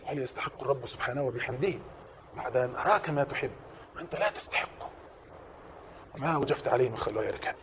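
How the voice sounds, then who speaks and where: Egyptian male preacher, quick delivery with a slightly raised pitch, passionate sermon that drops to a hush and then rises to shouts. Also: noisy background. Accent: Egyptian Arabic. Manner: impassioned, swings from hushed to shouting.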